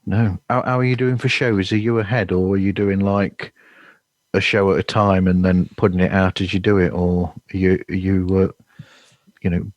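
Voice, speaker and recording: A man's voice: low-pitched, fairly even intonation, normal speed, no room sound, rough recording. A man hosting a podcast over a video call, chatting casually on a headset with frequent stammering restarts. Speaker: podcast host.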